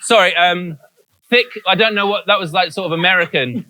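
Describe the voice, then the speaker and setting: A man's voice: sits high, fairly quick, pushed and bright. A man hosting a live comedy panel show, playful and self-mocking in his banter.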